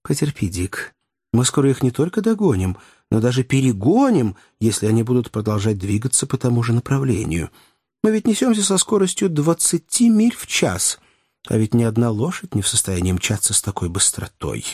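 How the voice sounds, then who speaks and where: A man voicing a steady male doctor who leads a balloon expedition, calm and reassuring in an audiobook. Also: mid-range voice, a little fast, husky, dry recording, studio quality. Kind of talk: audiobook character reading.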